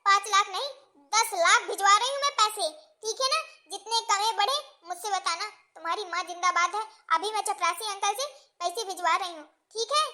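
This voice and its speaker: Woman voicing a loud doting cartoon mother. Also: very high-pitched, fairly quick. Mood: reassuring. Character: doting middle-aged mother, loud and generous. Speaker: cartoon character.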